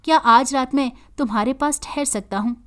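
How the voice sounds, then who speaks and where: A woman's voice: high-pitched, moderate pace, a bit bright. A woman voicing an anxious young husband haunted by a jinn, in a read-aloud storybook.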